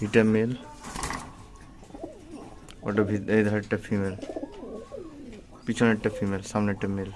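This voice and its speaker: A man with a lowish, warm voice casually narrates a vlog as he walks through the outdoor space where he keeps his pets, showing off his pigeon loft and garden. The outdoor recording is noisy, full of cooing pigeons, birdsong and ambient sound.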